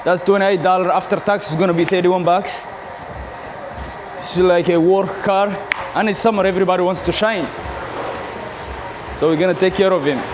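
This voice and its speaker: A man's voice: sits high, fairly even intonation, normal speed, long pauses. A man chatting casually in a slangy vlog style as he works and talks to customers. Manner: slangy, addresses viewers and customers as bro and man. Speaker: car wash worker and vlogger. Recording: clear outdoor traffic and car noise.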